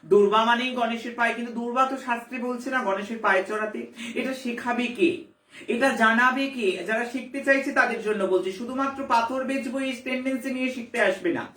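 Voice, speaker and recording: A woman's voice: fairly high pitch, quick pace, fairly bright tone, roomy sound, recorded from a distance. A woman spiritual teacher, giving a devotional lesson emphatically, repeating herself and firing rhetorical questions.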